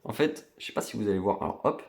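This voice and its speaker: Here the same kind of casual film-collection show-and-tell comes from a man with a fairly low voice, lively intonation, quick pace and vocal fry. As a collector vlogger unboxing his items, he rambles chattily, full of fillers and restarts, in a reverberant space.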